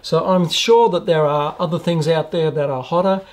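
A man's voice: a little high, steady tone, normal speed. An Australian man hosting a casual food taste-test vlog, reading the label aloud with dry jokes. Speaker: food reviewer.

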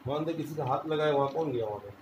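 A man acts as a spiritual healer in a ritual exorcism, issuing commanding orders that he repeats again and again. His voice sits a little high. The room is echoey, with a faint hum of background noise. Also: very fast. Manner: commanding, repetitive chanted orders.

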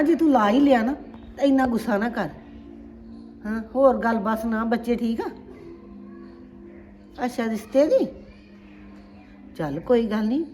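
A woman's voice: fairly high pitch, natural voice. A woman playing a chatty middle-aged mother. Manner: chatty, animated on the phone. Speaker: mother of the groom.

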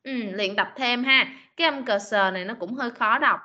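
A woman's voice: on the high side, moderate pace, sharp tone, dull audio. A woman teaching an online English class to children, patiently drilling words and correcting their pronunciation. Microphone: video call.

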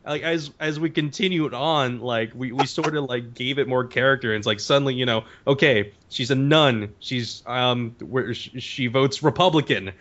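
A man guesting on a podcast as a voice actor, telling stories in a casual, animated way full of "like" and "um". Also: mid-range voice, normal speed, hardly any pauses, muffled recording. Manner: animated storyteller, peppered with "like" and "um".

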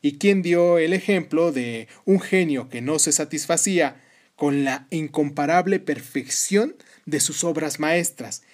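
A man hosting a podcast, reading scripted narration in a measured, formal way. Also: on the high side, darkish tone. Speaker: podcast host.

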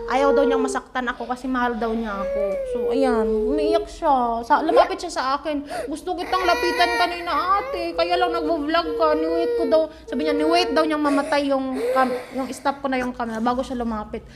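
A young woman from Iloilo vlogging casually in an office, coaxing and affectionate, slipping English words into her talk. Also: sits high. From Iloilo, Philippines. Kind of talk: casual home vlog chat. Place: office indoors.

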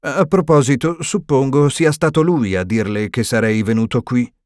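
A man voicing an old wise male wizard in an audiobook, speaking gravely and firmly. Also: medium pitch, steady tone, a little mellow, dry recording, studio quality, pitched above the performer's own voice, natural voice. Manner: slow, grave and firm.

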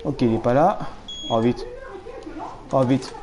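A man commentating a horror game live, nervous and jittery, repeating words when scared, his voice going hoarse. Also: medium pitch, big pitch swings, takes it slowly, background noise. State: losing his voice.

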